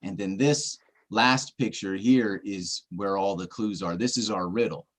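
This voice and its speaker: A man with a low voice talks a little slowly during a casual livestream chat. He's a treasure-hunt searcher breaking down puzzle clues step by step, joking now and then and checking in with his listener.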